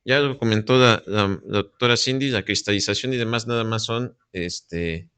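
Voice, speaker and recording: A man's voice: on the low side, normal speed, a bit bright, smooth, dry recording. A man professor gives feedback to students and keeps asking them questions to check that they follow. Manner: questioning, constantly asks "¿sí?". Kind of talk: classroom feedback.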